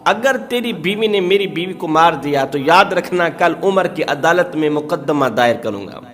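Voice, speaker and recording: A man preaching in a high voice voices a poor, rough desert nomad who orders a stranger about and later begs forgiveness. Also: animated, close to an everyday voice. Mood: threatening.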